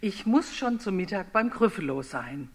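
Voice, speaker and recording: A bold little storybook mouse with a cheerful, knowing tone, as an older woman reads it out. The voice stays close to a friendly reader's own, only brightened for the character. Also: medium pitch, big pitch swings, moderate pace. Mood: sly, bold.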